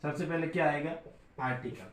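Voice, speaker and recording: A man's voice: fairly high pitch, fairly even intonation, fairly quick, echoey room, noisy background. A man from India teaching a grammar lesson, asking his own questions and answering them.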